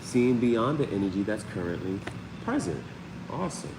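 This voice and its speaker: At a normal pace and a pitch on the low side, a man casually improvises a live tarot reading as its host. He leans on repetition, slang and sound words, and the audio carries a roomy long reverb plus clear, steady background noise.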